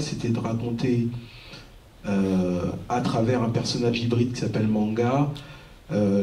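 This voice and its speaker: A man's voice: mid-range voice, mellow. A man speaking on a live panel as a rap artist, hesitant and searching for words with many fillers. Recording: roomy hall from a distant mic.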